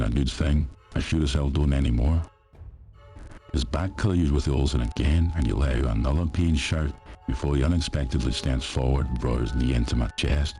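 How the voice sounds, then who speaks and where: A man narrating a first-person horror story in a steady, measured way. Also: very deep voice.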